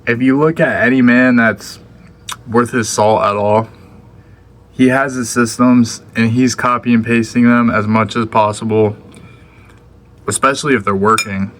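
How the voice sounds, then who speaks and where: A man's voice: medium pitch, steady tone, a little slow, a bit bright. A young man chatting casually to the camera in a laid-back, slangy way, sometimes talking with his mouth full. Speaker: vlogger. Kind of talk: casual vlog chat.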